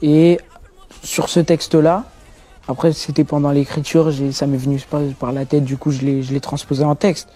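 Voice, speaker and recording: A teenage man, answering interview questions about his rap career in relaxed street slang, often adding "tu vois" and repeating words for emphasis. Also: on the high side, normal speed. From France. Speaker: young rapper interviewed. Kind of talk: casual interview talk.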